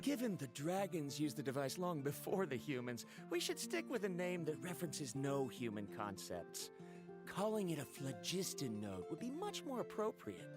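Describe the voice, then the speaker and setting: Game scholar: pedantic, precise lecturer with a villain's tone, animated intonation, faint music underneath. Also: male voice, fairly high pitch, moderate pace. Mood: self-assured, exacting. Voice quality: typical villain voice. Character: pedantic scholarly male researcher with a villainous air. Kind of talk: scripted game dialogue.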